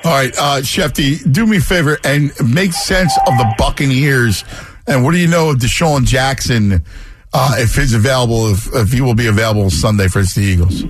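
A man's voice: medium pitch, normal speed. Radio sports host guy tossing questions to a caller, faint music bed behind.

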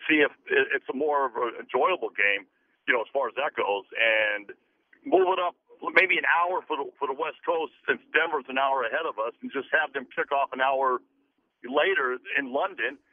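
A man's voice: medium pitch, sing-song, moderate pace, no echo. A man calls in to a sports talk show, and his voice comes through a thin, tinny phone line with no room sound at all. He talks in a middle register, friendly and loose, rambling through his point with plenty of fillers. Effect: heard over a phone line. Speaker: caller to a sports radio show. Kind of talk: casual call-in talk.

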